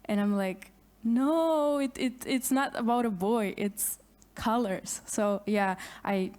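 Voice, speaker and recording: A woman musician speaking on a conference panel, a native Macedonian speaker talking in English, halting, with many restarts. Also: fairly high pitch, darkish tone.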